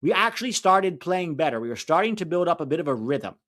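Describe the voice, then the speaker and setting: This is casual live-stream match chat from a male co-host whose pitch sits fairly high and whose fairly bright voice is very animated. He speaks with a hard-to-place mixed accent, airing blunt opinions and venting frustration readily during the soccer watch-along.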